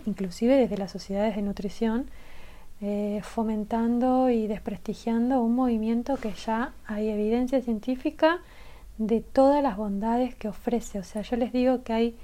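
A woman's voice: a little high, steady tone, unhurried, dark tone. A woman speaking as a health expert guest, explaining in an emphatic, persuasive way with rhetorical questions. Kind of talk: explanatory interview talk.

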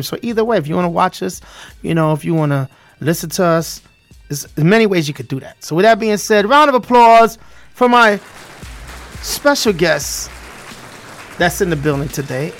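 A man's voice: on the high side, expressive, fairly quick, soft background music. A man from Brooklyn with a Brooklyn accent, hosting a casual live show in a hype manner, repeating phrases for emphasis. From Brooklyn, New York. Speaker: radio show host.

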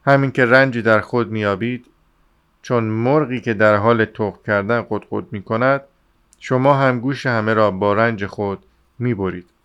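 A man reading the lines of an exasperated young man who shouts at and scolds his friend. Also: lowish voice, clear, resonant tone, lo-fi sound, close to an everyday voice. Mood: scolding.

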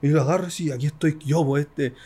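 A young Chilean rapper talks in a loose, slangy way, full of local expressions, and now and then he imitates the crowd with shouts. His voice sits somewhat higher than most men's. It sounds like a relaxed interview conversation. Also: fast. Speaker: freestyle rapper guest. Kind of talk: casual interview chat.

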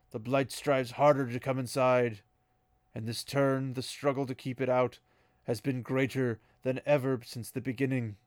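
Man reading as ancient Green Man: booming, slow, solemn; dry recording. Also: a little mellow, clean tone, no room sound, natural voice. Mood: grave. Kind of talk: reading a novel aloud.

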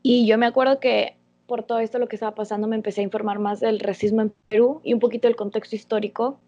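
A woman's voice: a little high, level tone, quick pace, warm tone. A young adult woman co-hosting a podcast, earnestly explaining a topic at length in casual chat. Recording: dull lo-fi sound.

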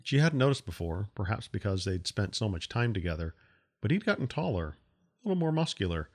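A man, the author, narrating his own science-fiction audiobook in a steady storytelling manner. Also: fairly low pitch, fairly quick.

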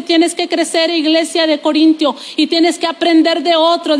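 A woman's voice: extremely high pitch, fairly bright tone, long reverb tail. A woman pastor, preaching a sermon that mixes personal testimony with playful asides.

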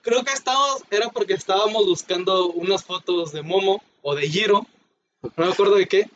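A man's voice: high-pitched, brisk, fairly bright tone, muffled recording, a little hiss or hum. A young man with a Mexican Spanish accent, chatting casually and cracking wry, slangy jokes. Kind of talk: casual chat.

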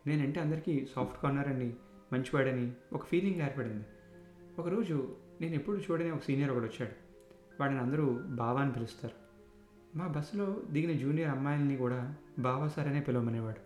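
Male narrator, thirties, reflective first-person storytelling; roomy echo, soft music underneath. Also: mid-range voice, fairly quick. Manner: reflective, conversational.

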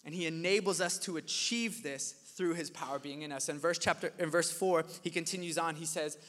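A young man preaching a sermon to a church audience in a casual, conversational way, telling stories with animated energy. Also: a little high, a little fast. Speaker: pastor. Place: church hall with live audience. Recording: reverberant hall.

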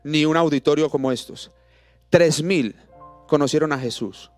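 A man with a Colombian Spanish accent preaching a sermon, throwing out rhetorical questions and dropping to soft, intimate tones for the words of scripture. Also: fairly high pitch, normal speed, faint music behind. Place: church auditorium. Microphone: handheld microphone.

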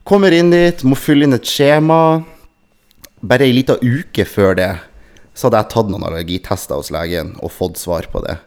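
A man's voice: medium pitch, clean tone. A man co-hosting a casual podcast, telling a rambling anecdote full of fillers and restarts and acting out the other people in it. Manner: animated storyteller who acts out other people's voices. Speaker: podcast co-host.

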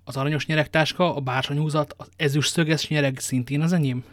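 A man's voice: on the high side, steady tone, dry recording, studio quality, lightly acted. A man voicing a vain, wounded young male musketeer, exclaiming eagerly. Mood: delighted.

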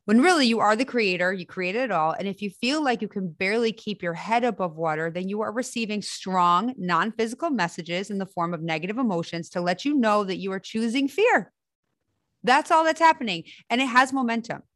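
A woman hosting a spiritual talk, speaking in measured, deliberate, emphatic phrases in an inspirational style. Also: medium pitch, animated, a bit bright, dry recording. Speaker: host of a spiritual group discussion show. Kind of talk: spiritual inspirational monologue and group chat.

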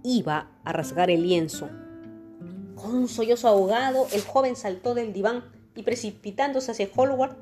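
A woman narrating an audiobook in a calm, steady storytelling manner. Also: on the high side, moderate pace, soft background music.

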